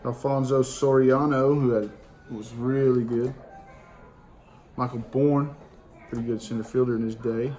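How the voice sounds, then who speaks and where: This mid-range male voice moves a little slowly and pauses often as he reads baseball card names aloud, one at a time, in a plain-spoken, slangy manner. He's a card collecting channel host doing casual card-opening commentary indoors in his dining room. A camera on the table in front captures him along with steady room noise.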